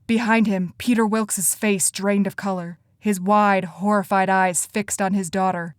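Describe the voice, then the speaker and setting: A woman reading first-person audiobook narration in an even, measured way. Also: medium pitch, no echo, studio quality.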